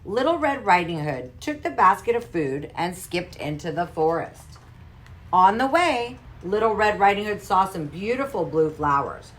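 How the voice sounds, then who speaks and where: A woman reading a children's storybook aloud in a clear, lively way. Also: medium pitch, a little slow. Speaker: storybook reader.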